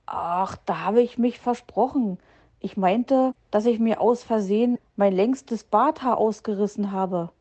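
A woman's voice: medium pitch, unhurried, dark tone, natural voice. A woman voicing a grumpy, nervous male fox uncle who blusters and stammers out excuses. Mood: blustering. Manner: gruff, blustering, flustered excuses.

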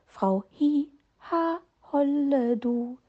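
A woman voicing a small, excitable bird chick who chants fairy-tale rhymes, in a storybook reading. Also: high voice, very slow, dull audio, pitched above the performer's own voice, exaggerated voice. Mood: singsong. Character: little chirpy bird boy, fairy-tale mad.

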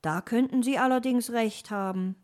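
A woman's voice: a little high, moderate pace, a little mellow, pitched above the performer's own voice, close to an everyday voice. A woman voicing a shy, lovesick young male suitor in a storybook, speaking timidly and hesitantly.

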